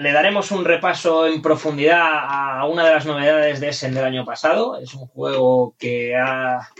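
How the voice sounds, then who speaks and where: A man's voice: on the high side, a bit bright. A man hosting a podcast in a conversational presenting style. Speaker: podcast host. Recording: dull, lo-fi microphone sound.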